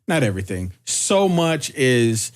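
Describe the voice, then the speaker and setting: A man hosting a casual podcast chat, talking in a reflective, measured way and choosing his words carefully. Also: medium pitch, sing-song. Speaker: podcast host.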